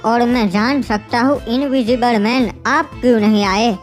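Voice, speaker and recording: A woman's voice: a little high, measured pace, soft background music, natural voice. A woman voicing a stern, boastful male superhero team leader who scolds his team. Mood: scolding. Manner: scolding, commanding.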